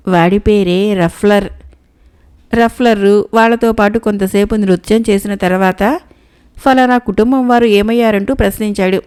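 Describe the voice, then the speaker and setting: A woman reading a folk tale aloud as a storyteller, in a steady, even narration with a Telugu accent. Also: medium pitch, clear, resonant tone.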